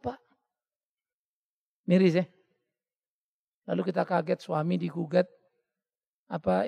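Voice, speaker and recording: A male pastor preaching a sermon in an animated way, often acting out the voices of the people he quotes. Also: high-pitched, vocal fry, breathy edge, long reverb tail. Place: church hall.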